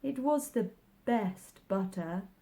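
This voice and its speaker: A woman's voice: mid-range voice, animated, takes it slowly, warm tone. A woman voicing a contrary, rude male talking hare in a storybook, emphatic and pedantic. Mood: meek.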